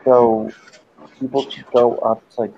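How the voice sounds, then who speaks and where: A man spins a meandering anecdote over an online voice chat, full of restarts and swearing and quick to snap at anyone who cuts in. His voice sits at an ordinary male pitch. The headset audio is dull and lo-fi, with a faint hiss underneath. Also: little pitch movement. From United States. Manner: rambling, profane, often stops to snap at interruptions. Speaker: group voice-chat host telling a story. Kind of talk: casual chat storytelling.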